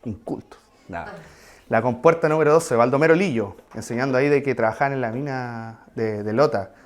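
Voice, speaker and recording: A man's voice: medium pitch, a little fast. Conversational preacher man. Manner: conversational, asides to the congregation. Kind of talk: sermon.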